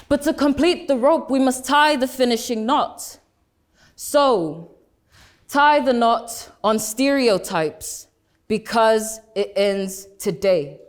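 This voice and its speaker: Late-teen girl from Samoa, bright high voice; measured orator who drags out punchlines. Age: late teens. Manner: emphatic, slows right down on key phrases. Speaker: student speaker. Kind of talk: prepared speech competition oratory. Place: school speech competition.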